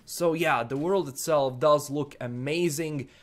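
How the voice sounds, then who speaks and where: A man's voice: fairly high pitch, a little slow. A man from Bosnia, hesitantly reviewing a game and answering viewer comments, full of fillers and repeated words. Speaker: gaming YouTuber.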